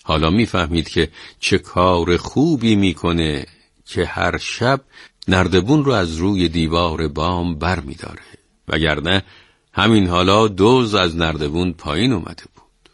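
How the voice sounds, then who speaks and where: A man narrating a folktale in a measured way and speaking directly to his listeners. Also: low voice, fairly bright tone, no echo, studio quality. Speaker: storyteller.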